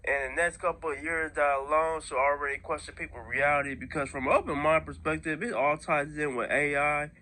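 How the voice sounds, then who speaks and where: Slangy American man, fairly high-voiced, rambling casually. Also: fairly even intonation, a little fast, hardly any pauses, pushed and bright. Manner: slangy, repeatedly seeking agreement with listeners. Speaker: online video host. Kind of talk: casual rambling opinion talk.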